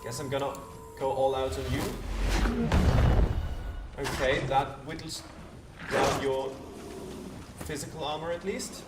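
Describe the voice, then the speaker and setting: A man's voice: medium pitch, takes it slowly, long pauses. Roomy-sounding man doing game commentary. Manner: thinks aloud, addresses game characters. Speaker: let's play host. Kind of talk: casual gameplay commentary. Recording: roomy distant voice under loud game music.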